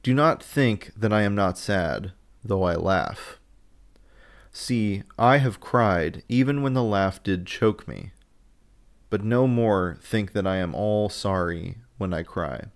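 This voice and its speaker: An old, sorrowful Dutch professor speaking in earnest, broken old-fashioned English, as a man reads him aloud. The voice sits low and gravelly. It is a storybook reading, not a stage performance. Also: slow pace.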